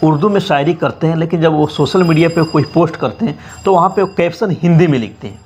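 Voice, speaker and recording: News host guy asking questions politely, short prompts, voice a bit high. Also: quick pace, a little mellow, slight background noise. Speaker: interviewer, local news host. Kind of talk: news interview.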